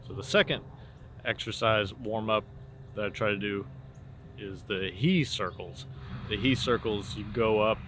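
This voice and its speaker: A man talking as a casual drama teacher, informally explaining and demonstrating theater warm-up exercises. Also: lowish voice, unhurried. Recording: clear steady background noise.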